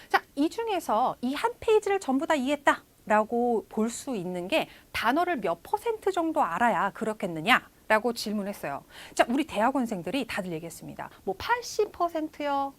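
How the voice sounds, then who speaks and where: A woman in her thirties delivers an online test-prep lecture in a fairly high voice. Her pitch rises and falls a lot as she talks to her viewers directly. She opens many phrases with a drawn-out "so". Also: very animated. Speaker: English test instructor.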